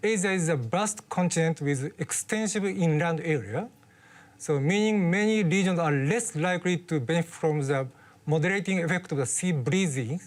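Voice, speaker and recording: Expert explaining calmly in an interview. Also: medium pitch, normal speed. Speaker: expert guest.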